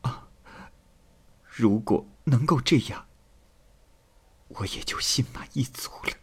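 A man voicing a young wife in a classic tale, speaking in a hushed, breathy near-whisper. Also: mid-range voice, slow. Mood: tearful. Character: young wife, grieving then cold and scheming.

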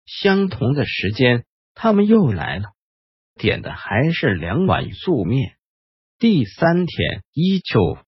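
A man hosting and narrating a ghost story in a slow, hushed storytelling manner. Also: mid-range voice, slightly rough, no room sound, highs cut off. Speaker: host and storyteller.

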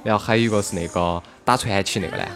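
A man's voice: on the low side, rapid-fire, a bit bright. A man from Sichuan with a Sichuan accent, hosting a casual chat and telling stories in colloquial dialect with rhetorical questions. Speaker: talk show host. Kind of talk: casual chat, reminiscing about local radio and music. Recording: music playing behind the voice. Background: music.

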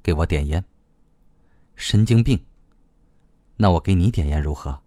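A man reading a story aloud, voicing a calm, forceful man who speaks low, slowly and evenly. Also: no echo. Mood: cool, insistent. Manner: low, slow, even, cool.

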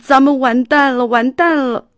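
A woman's voice: medium pitch, unhurried, dry recording, studio quality, pitched above the performer's own voice, close to an everyday voice. A woman voicing a hungry, fretful little boy in a children's storybook reading, whiny and exclaiming.

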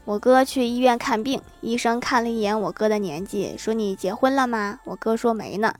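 Woman podcast host, fairly high voice, animated joke reader who laughs at her own punchlines. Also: a little fast, soft background music. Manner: animated delivery with punchy raised lines. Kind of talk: reading jokes on a comedy podcast.

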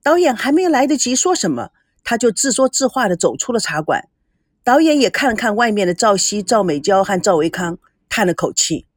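A woman narrating a storybook in a lively, expressive dramatic reading, close to the microphone. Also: mid-range voice, fairly quick, dry recording.

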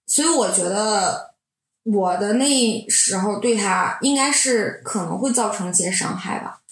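A woman in her twenties, a doctoral student, telling a candid personal story in an animated, sometimes heated way. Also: mid-range voice, unhurried. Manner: animated, heated, then reflective. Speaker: doctoral student recounting mentoring. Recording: roomy echo.

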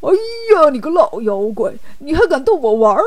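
A woman voicing a lazy, food-loving male pig-monk in a lowered, drawling voice. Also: expressive, normal speed, no room sound. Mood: indignant. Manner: lazy, drawling, deeper put-on voice.

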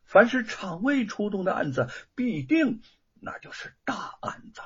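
Man doing a gloomy older man, hushed half-whispered warnings, husky, dull lo-fi sound. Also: high voice, very animated, measured pace, voice pushed up, full character voice. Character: older male relative, gloomy and fearful. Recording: dull lo-fi recording.

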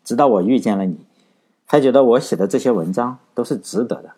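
A man's voice: mid-range voice, fast, warm tone, breathy edge. Man doing an earnest, doting young writer.

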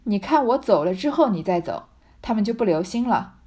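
A woman's voice: mid-range voice, animated, a little fast, mellow, slightly rough. A woman reading a cold, scheming young man. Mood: coolly scheming. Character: cold proud young man, hiding his anger.

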